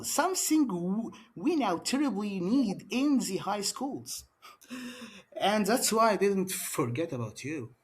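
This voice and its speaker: A man's voice: a little high, breathy edge. A man cutting a boastful wrestling promo as champion, taunting his rival in broken English. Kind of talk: wrestling promo trash talk.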